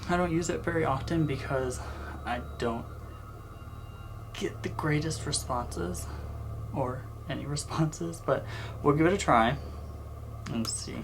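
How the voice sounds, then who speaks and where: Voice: medium pitch, unhurried, gravelly, long pauses, music in the background. A paranormal investigator chatting casually and informally to camera inside a house at night. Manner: informal, sweary. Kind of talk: casual vlog chat to camera. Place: indoors, old house at night. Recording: noisy handheld recording with room ambience.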